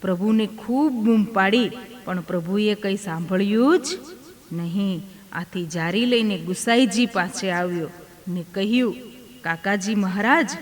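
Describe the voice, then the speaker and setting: A woman narrating a devotional tale, speaking every character's lines herself. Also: medium pitch. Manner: voices each character in turn within the tale. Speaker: storyteller. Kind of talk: devotional storytelling. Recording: long hall reverb.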